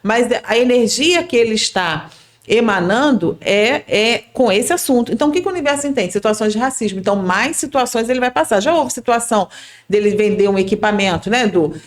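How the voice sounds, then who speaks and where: A woman's voice: on the high side, animated, a little fast. A woman with a Brazilian accent, a podcast guest explaining her ideas earnestly and checking that listeners follow. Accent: Brazilian Portuguese. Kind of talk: casual explanatory chat.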